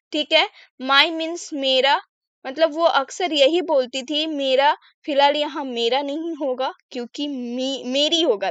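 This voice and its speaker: A woman teaching English words in Hindi, explaining slowly and often checking in with the listener. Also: sits high, a bit bright, no echo. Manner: repeats "ठीक है" often, slow careful explaining.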